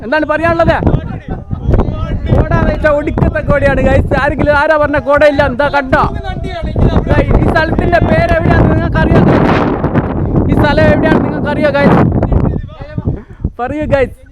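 Man, very high voice, mixed with English slang, exclamatory, repetitive trekking vlog, heavy outdoor wind noise. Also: little pitch movement, moderate pace, pauses often. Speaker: vlogger. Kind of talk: casual excited trekking vlog. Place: outdoors at a hilltop viewpoint. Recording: very noisy windy outdoor recording. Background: loud wind noise.

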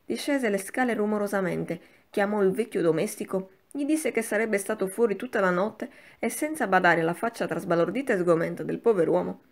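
A woman narrating a classic novel in a measured, expressive audiobook reading. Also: medium pitch.

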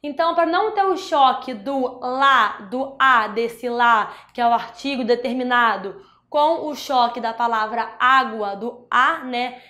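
A Brazilian woman with a rather high, pushed, bright voice teaches a Spanish grammar lesson for exam prep, explaining step by step at an unhurried pace with few pauses. She keeps checking in with tag questions like "né?" and "tá?", and the recording has a roomy echo.

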